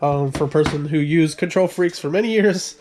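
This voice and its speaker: A man's voice: fairly high pitch, brisk, darkish tone, a little hiss or hum. A man giving a casual tour of his gaming room, rambling and correcting himself as he goes, coughing now and then and short of breath. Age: adult with a son. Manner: rambling, self-correcting, apologetic. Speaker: gaming channel creator.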